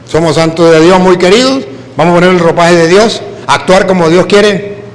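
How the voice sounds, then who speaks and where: A Venezuelan man, a priest, preaching a sermon full of lively personal stories in which he mimics the people he quotes. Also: sits high, moderate pace, big-room sound. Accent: Venezuelan Spanish.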